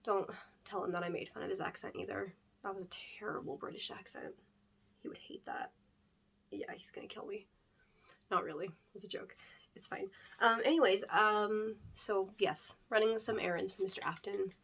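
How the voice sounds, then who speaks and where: A woman's voice: mid-range voice, natural voice. A woman playing a rambling pizzeria staffer, ASMR role-play. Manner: rambling and upbeat, full of fillers and nervous joking. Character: chatty young female pizzeria staffer interviewing a hire. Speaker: ASMR creator.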